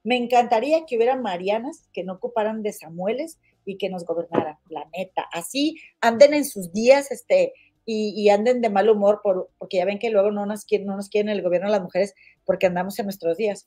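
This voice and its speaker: A woman's voice: medium pitch, a little fast, warm tone. Chatty Mexican woman livestream host. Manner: chatty, gossipy, blunt, calls viewers comadres. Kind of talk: casual livestream chat reading viewer comments.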